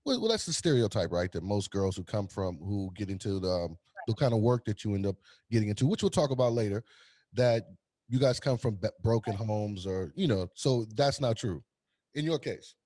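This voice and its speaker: A man's voice: on the low side, lively intonation, normal speed, mellow, no echo. A man co-hosting a podcast, asking a guest about her life in a chatty way with frequent restarts. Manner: chatty, stumbling restarts and laughs. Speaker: podcast co-host. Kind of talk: casual interview hosting.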